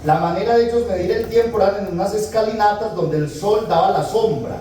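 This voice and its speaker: A man's voice: sits high, fairly quick, warm tone. A man giving a retreat talk as a priest, telling scripture stories and acting out the dialogue with humor. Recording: echoey hall, distant mic, faint noise.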